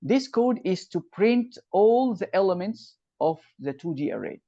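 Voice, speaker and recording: Speaking at a measured pace in an expressive, mid-range voice with a dark tone, a computer science tutor patiently explains each step of a loop and checks the student's understanding. The lesson was screen-recorded from a video call using a computer mic. The audio is dull and dry, with no room sound.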